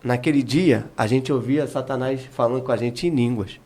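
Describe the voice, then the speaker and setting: A man's voice: mid-range voice, normal speed, a little mellow. A man, an evangelist giving his testimony as a podcast guest, telling his story vividly and acting out what was said. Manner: vivid storytelling that acts out remembered dialogue.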